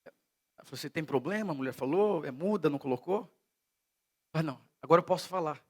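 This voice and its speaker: A man from Brazil preaches at a church service in a slightly raised register. He tells stories, dropping to a hush and then rising to loud emphasis. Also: a little high, lively intonation, fast. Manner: storytelling preacher, swings between hushed and loud. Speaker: pastor. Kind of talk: sermon.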